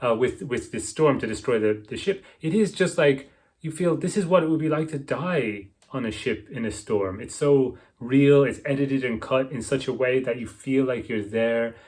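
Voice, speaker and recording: A man with a medium-pitched voice chats casually into a close mic, reviewing books and films. He rambles and keeps throwing in fillers and little "right?" checks. He sounds keen and strongly opinionated. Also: moderate pace, darkish tone. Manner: enthusiastic, opinionated. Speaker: book and film reviewer.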